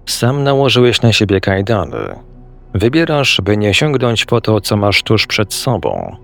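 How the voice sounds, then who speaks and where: A man reading the lines of a calm, wise old male sorcerer teacher, measured and gently amused. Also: lowish voice, gravelly, soft background music, exaggerated voice.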